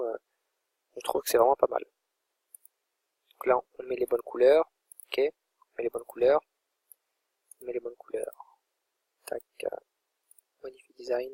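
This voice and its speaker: Casual, husky-voiced man walking through software. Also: medium pitch, no room sound. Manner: informal, thinks aloud while clicking. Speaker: online course instructor. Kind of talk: screen-recorded software tutorial.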